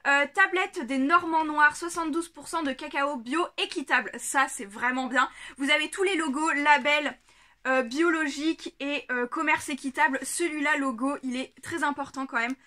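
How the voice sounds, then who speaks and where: A woman vlogger chatting casually to a camera on a tripod, giggling often and filling pauses with lots of hesitations. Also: high-pitched, sharp tone. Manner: chatty, giggly, many fillers. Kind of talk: casual unboxing chat.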